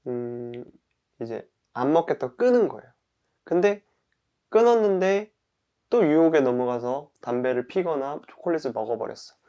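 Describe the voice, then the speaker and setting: A man teaching about caring for one's own mind, calmly explaining with everyday examples and sometimes dropping into a soft murmur for gentle self-talk. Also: mid-range voice, lo-fi sound. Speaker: mind-body wellness instructor.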